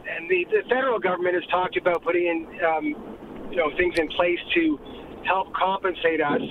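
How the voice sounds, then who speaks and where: Caller on car speakerphone while driving: fairly high-pitched man, hesitant and halting. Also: steady tone. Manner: hesitant, halting, many ums and restarts. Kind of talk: casual phone-in question. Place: inside a moving car. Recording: tinny phone line with loud car noise. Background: vehicle noise.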